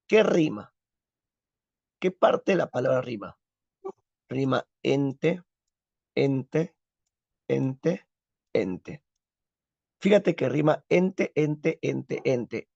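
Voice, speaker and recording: A man's voice: mid-range voice, vocal fry, a little mellow, breathy edge, no room sound. A man teaching a literature class, who drills the students with questions and answers them himself. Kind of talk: recorded class lesson. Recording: dull lo-fi, dry.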